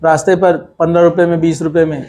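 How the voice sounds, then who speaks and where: A man's voice: on the high side, flat delivery, dark tone, slight background noise. A man giving a conversational religious talk, asking rhetorical questions and mixing in English words. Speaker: Islamic speaker.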